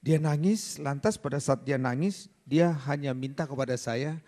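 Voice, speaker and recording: A middle-aged lawyer telling a relaxed stand-up comedy story, jumping into character voices. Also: male voice, on the high side, moderate pace. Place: comedy stage.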